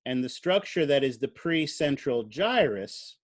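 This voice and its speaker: In a classroom, a man lectures on biology with a medium-pitched, expressive voice at a measured pace. His explanations are easy and conversational, sprinkled with fillers like "uh," and he poses questions to the students.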